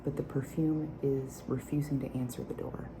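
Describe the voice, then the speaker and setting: A woman speaking in a soft, hushed, near-whispered ASMR voice as she gives a product review. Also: rumbling low, flat delivery, normal speed, noisy background. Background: nail tapping.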